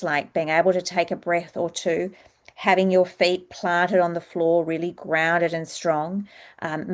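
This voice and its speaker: Female public speaking coach, slightly low voice, explanatory delivery for a structured training presentation. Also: a little mellow.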